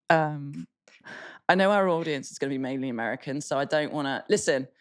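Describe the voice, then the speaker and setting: An Englishwoman co-hosts a podcast, chatting casually with a blunt, self-deprecating humor and plenty of swearing. Her voice sits low and moves at a moderate pace.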